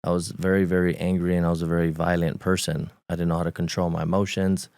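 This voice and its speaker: A man in his forties with a Romanian accent and a very low, gravelly voice speaks flatly and evenly as a podcast guest. He halts, repeats words and restarts while recalling his past, laughing lightly at times, in candid conversational storytelling. The recording is close and dry.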